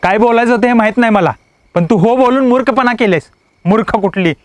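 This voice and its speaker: A man's voice: extremely high pitch, brisk, no room sound. An actor playing Akash, a tense young man who snaps insults at his partner. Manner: hot-tempered, insulting, then softening.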